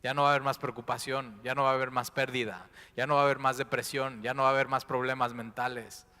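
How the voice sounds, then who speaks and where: A man preaching from the pulpit, his voice bright and forceful. He drops to a hush, then rises to fervent, loud declarations. The sound hangs in a long, reverberant church hall. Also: mid-range voice, flat delivery, fast. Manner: swings between hushed and loud impassioned preaching. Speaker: pastor. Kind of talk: sermon.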